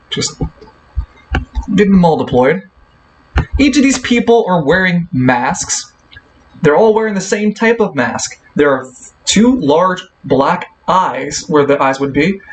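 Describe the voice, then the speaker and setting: A man's voice: fairly high pitch, lively intonation, a little slow, a little hiss or hum, poor audio. Man narrating as game master.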